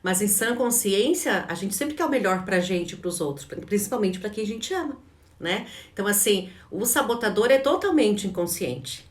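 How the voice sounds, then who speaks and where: A woman's voice: mid-range voice, lively intonation, normal speed. A woman with a Brazilian Portuguese accent giving a live online class as a coach. She talks conversationally, ends nearly every phrase with a questioning tag, and often restarts her words. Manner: frequent restarts and repeated words. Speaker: behavioral coach. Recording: roomy, distant mic.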